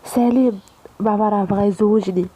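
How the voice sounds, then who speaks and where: A woman's voice: mid-range voice, steady tone, brisk, mellow, close to an everyday voice, poor audio. A woman voicing a young, anxious bride in love, speaking with a Moroccan accent. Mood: pleading.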